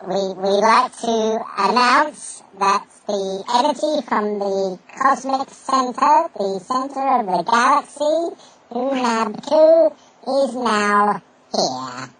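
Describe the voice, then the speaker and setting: A man on a radio show putting on a silly voice through a pitch shifter, talking slowly and mock-solemnly. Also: expressive, a bit bright, exaggerated voice, rough recording.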